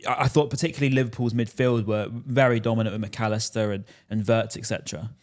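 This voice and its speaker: A man's voice: fairly low pitch, steady tone, fast. A man hosting a casual football chat, talking in long rambling stretches full of restarts. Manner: chatty, rambling, lots of restarts and "you know". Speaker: podcast host.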